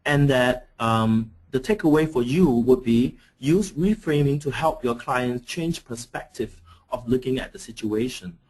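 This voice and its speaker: A man from Singapore presents a coaching webinar at a mid-range pitch, speaking through a computer mic on an online call. He talks hesitantly, with frequent fillers and restarts, as he searches for his words. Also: a little mellow, husky. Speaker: coaching trainer.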